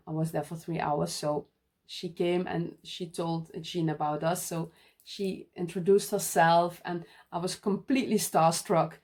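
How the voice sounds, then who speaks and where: A woman from the Netherlands, a native Dutch speaker, tells a casual vlog story at an unhurried, slow pace. She talks in a halting way, restarting her sentences and laughing softly, and her voice sits a little low. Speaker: needlework vlogger.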